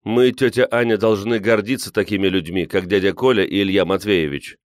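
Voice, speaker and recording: A man reading an audiobook, voicing an eager, excitable young man who reassures and reports. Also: fairly low pitch, brisk, dry recording, clean studio sound, natural voice. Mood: earnest.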